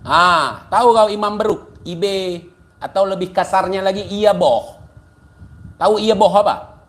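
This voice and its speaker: A man's voice: high voice, measured pace, fairly bright tone. A man giving a ranting, taunting commentary, mocking and insulting his target.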